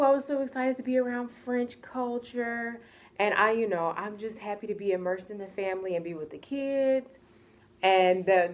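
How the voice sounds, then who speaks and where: A US vlogger with a medium-pitched, darkish voice shares a casual storytime. Chatty and full of "like" fillers, she acts out quoted voices as she goes.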